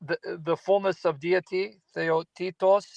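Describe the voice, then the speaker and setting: Guy on a video call from his phone in a parked car, higherish voice, dry sound, talks through greek words. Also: steady tone, unhurried, gravelly, a little mellow, no echo. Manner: explains Bible Greek terms, tries Greek pronunciations. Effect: calling in to a video stream from a phone in a parked car. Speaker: guest on a livestream. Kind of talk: casual theological chat. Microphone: phone, not on a computer.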